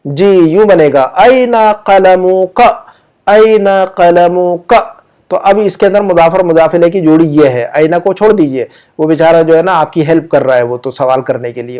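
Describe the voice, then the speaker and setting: A man with an Urdu-speaking accent teaching an online grammar lesson. He explains patiently, repeats example sentences slowly and puts questions to his students. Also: a little high, dark tone.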